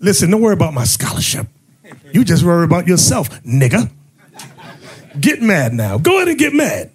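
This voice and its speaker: A man acting as bishop and host, preaching in a fiery way, mocking and often shouting. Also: high voice, wildly swooping pitch, a little fast, breathy edge.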